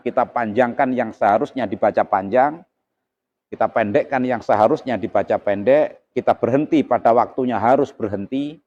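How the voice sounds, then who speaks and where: A man, giving a calm, measured Quran exegesis lesson as a teacher. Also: mid-range voice. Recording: slightly dull lo-fi recording.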